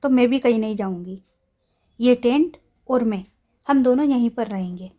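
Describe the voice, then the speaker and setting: Woman voicing a determined young woman, earnest, insistent, warm, fairly high. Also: moderate pace, close to an everyday voice.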